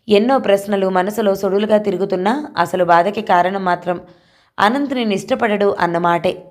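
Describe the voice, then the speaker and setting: A woman narrating an audio novel in a steady, expressive storytelling manner. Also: mid-range voice. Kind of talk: reading a novel aloud.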